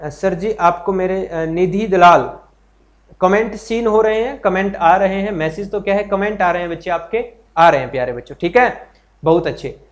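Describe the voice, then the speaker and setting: A man's voice: high voice, normal speed. A man teaching a live online exam-prep class, chatty and encouraging, who repeats each point, quizzes his students and answers their comments. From Haryana, India. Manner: greets viewers and reads their comments aloud.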